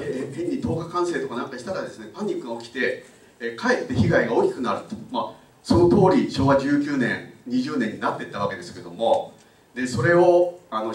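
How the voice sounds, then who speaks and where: An older man giving a public lecture in a conversational way, pausing often with filler sounds. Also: mid-range voice. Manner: conversational, frequent filler pauses. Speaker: guest lecturer. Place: lecture room. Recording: roomy, mic at a distance.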